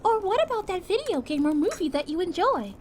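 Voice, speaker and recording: A woman voicing a sweet, caring young princess in a calming roleplay, speaking to a friend in a gentle, reassuring, chatty way. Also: extremely high pitch, a little fast, slight background noise. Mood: soothing, encouraging. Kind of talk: calming ASMR audio roleplay.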